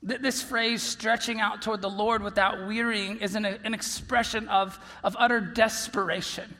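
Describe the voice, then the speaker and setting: Bright-voiced pastor preaching in a reverberant hall. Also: male voice, sits high, fairly even intonation, normal speed. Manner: earnest, swings between soft near-whispers and loud emphasis. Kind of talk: sermon. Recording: long reverb of a large hall.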